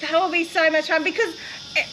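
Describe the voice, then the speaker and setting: A woman's voice: very high voice, level tone, fairly quick. A middle-aged woman from Queensland with a broad Australian accent, hosting a casual chat. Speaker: interview host. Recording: clear background noise, insects chirping outdoors.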